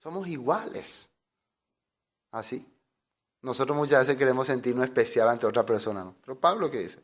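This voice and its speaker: A man's voice: mid-range voice, fast talker. A man preaching a sermon as a pastor, emphatic, asking his listeners rhetorical questions and acting out the voices he quotes.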